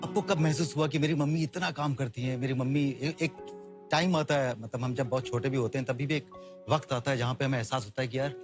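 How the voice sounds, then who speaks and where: A male host gently asking a guest personal questions in a conversational way. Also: mid-range voice, fairly even intonation, fast talker, music in the background. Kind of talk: interview questions.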